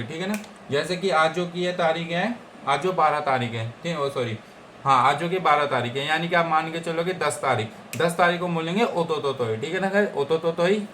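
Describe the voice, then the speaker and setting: A man's voice: fairly high pitch, a bit bright. Young male tutor from India, casual and repetitive, keeps asking "okay guys", light background noise. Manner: repeats words and keeps checking understanding with "okay guys?". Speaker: Japanese language teacher.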